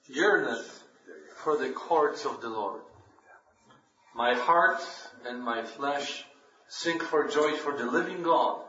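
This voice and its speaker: With a fairly bright, mid-range voice, this Polish man speaks as a lay preacher, reading scripture and offering a devotional talk with earnest emphasis at a church meeting. The audio is distant, dull and roomy, typical of a church.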